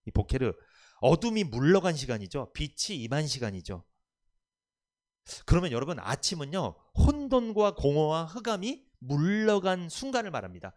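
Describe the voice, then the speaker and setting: A man's voice: on the high side, darkish tone. A male pastor preaching a sermon, asking his congregation questions and answering them himself.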